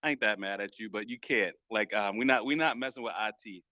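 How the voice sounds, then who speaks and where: A man's voice: on the low side, brisk, pushed and bright, dry recording, lo-fi sound. A man co-hosting a podcast, talking sports casually and with feeling, full of slang. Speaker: podcast co-host. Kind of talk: casual chat about sports.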